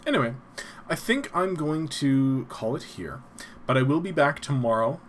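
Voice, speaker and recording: A man hosting a casual live stream in a soft, breathy, low-spoken voice with an old-timey radio announcer delivery, rambling and self-deprecating. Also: lively intonation, normal speed, a little hiss or hum.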